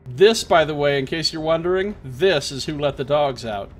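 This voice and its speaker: A man's voice: a little high, moderate pace, faint music behind. A man streaming a video game with casual live commentary and wry asides.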